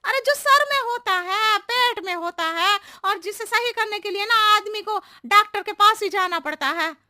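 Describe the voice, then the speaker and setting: A woman's voice: very high voice, normal speed, bright, forceful tone, no echo, studio quality, exaggerated voice. A woman voicing a muddled, cheeky cartoon housemaid who talks in stubborn, wheedling riddles and roundabout phrases. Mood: riddling, earnest. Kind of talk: exaggerated Hindi cartoon comedy acting.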